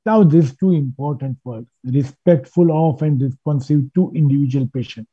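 A man delivers an unhurried lecture, pausing on fillers as he explains. His slightly high, husky voice reaches us from far away over a video call, caught in a screen recording. The audio is thin and narrow, like a phone line. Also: mellow, no echo. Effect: remote voice over a video call, captured in a screen recording. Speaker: guest lecturer, diabetologist. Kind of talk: online conference lecture. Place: at home at night, far from the venue.

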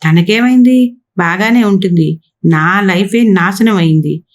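A woman's voice: mid-range voice, unhurried, natural voice. A woman voicing an agitated, bitter young married man in a storybook reading, talking in a complaining, sarcastic way.

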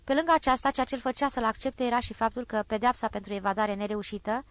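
A woman narrating a classic story in a calm, even literary reading. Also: fairly high pitch, no echo. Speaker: audiobook narrator. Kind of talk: scripted narration.

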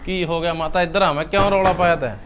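A man playing a quick-talking young son. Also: fairly high pitch, noisy background, lightly acted. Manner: questioning, tries to calm things. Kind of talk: Punjabi short film acting.

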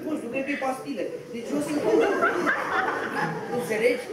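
A swaggering young idler, played by a man on stage, boasts in a high, bright voice. He rolls through his lines with theatrical flair. The sound is distant and echoey with noise. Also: big pitch swings, over a noisy crowd. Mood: boastful. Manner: swaggering, theatrical, laughing at his own schemes. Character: boastful cynical young man-about-town, idle schemer. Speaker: stage actor. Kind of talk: live stage comedy acting. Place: small cafe theatre stage, indoors. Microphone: far camera mic.

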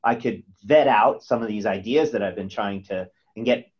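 A man's voice: fairly low pitch, moderate pace, lo-fi sound. A man speaking as a guest in a webinar over a video call, often repeating words as he restarts. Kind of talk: webinar presentation. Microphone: webcam on video call.

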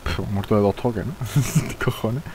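A young man chats casually while streaming live gameplay, swearing and shouting whenever the game frustrates him. His voice is fairly low and his pace moderate. The audio is poor, with a little hiss or hum.

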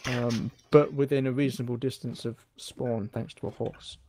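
A man's voice: medium pitch, steady tone, normal speed, warm tone, slight background noise. A man hosting a casual gaming session, playful and chatty, who drifts into song and silly voices. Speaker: let's play host. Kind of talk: casual chat while gaming.

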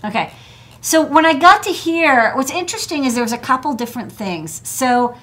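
At her workshop desk, an electronics engineer in her thirties hosts a desk show, chatting casually through parts with lots of fillers and restarts. Her voice sits high and is a bit bright, with lively intonation at a moderate pace.

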